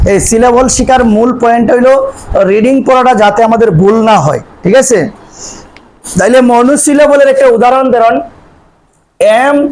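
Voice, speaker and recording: A man's voice: very high voice, darkish tone, poor audio. A man teaching a language class, asking the students questions and answering them himself, repeating key terms. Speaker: English teacher. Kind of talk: classroom lecture.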